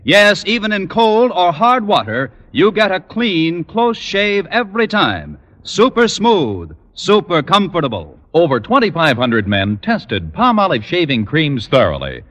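A man announcing on an old broadcast disc in a polished 1950s radio style, with an emphatic sales pitch. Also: huge pitch swings, a little slow, fairly bright tone. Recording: old broadcast disc, reverberant, music behind.

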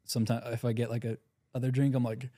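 A man's voice: mid-range voice, level tone, fast, dark tone. A young man in his twenties co-hosting a casual podcast, his voice sitting in an ordinary middle range. He rambles and jokes, often breaking into laughter. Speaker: podcast co-host. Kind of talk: casual chat.

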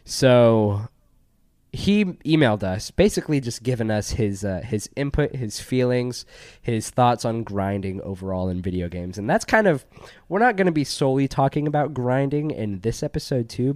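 A man's voice: medium pitch, darkish tone, no echo. Casual male podcaster, slightly stuffy nose, dry sound. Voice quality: slightly congested, stuffy from allergies. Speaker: podcast co-host. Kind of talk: casual podcast chat, reading out a listener email.

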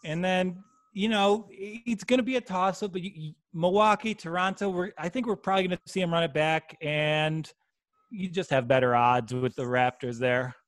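A man with a Michigan accent, co-hosting a sports betting chat in an animated, joking way. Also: high-pitched. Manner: animated, quick asides and jokes. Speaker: sports betting podcast co-host.

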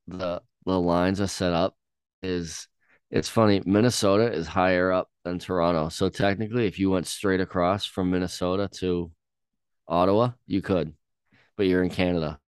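A young man co-hosting a casual song-reaction chat, talking in a halting way with many ums and restarts. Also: low voice, fairly even intonation, clear, resonant tone, no echo. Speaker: podcast co-host.

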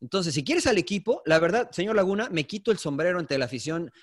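A man with a Mexican accent and a notably high-pitched voice pushes his case in a loose sports-talk debate. He speaks emphatically, cutting in, retelling stories and pressing questions on his co-hosts. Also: very animated, quick pace. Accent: Mexican Spanish. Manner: argumentative, storytelling, emphatic. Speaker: podcast co-host, sports commentator. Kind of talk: heated casual debate.

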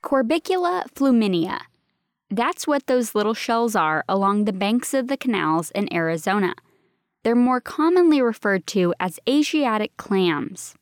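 A woman producing a podcast, reading scripted narration in a clear, informative way. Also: fairly high pitch, expressive, a little slow, no room sound, clean studio sound.

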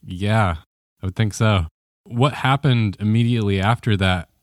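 A man's voice: lowish voice, moderate pace, dry recording, studio quality. A man hosting a podcast interview, asking friendly, open questions to draw out his guest's story. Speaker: podcast host.

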